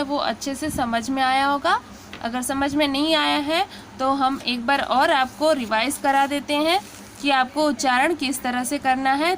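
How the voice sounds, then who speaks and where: A woman teaching Hindi pronunciation, talking her students patiently through drawn-out syllable drills. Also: high voice, fairly bright tone, a little hiss or hum. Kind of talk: slow spoken lesson.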